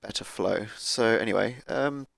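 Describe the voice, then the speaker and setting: Croaky laid-back man. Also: lowish voice, unhurried, a bit bright, no room sound, clean studio sound. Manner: thinking aloud, laid-back, with fillers. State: croaky voice from a cold. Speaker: gaming YouTuber. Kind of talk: casual gameplay commentary. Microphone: cheap microphone.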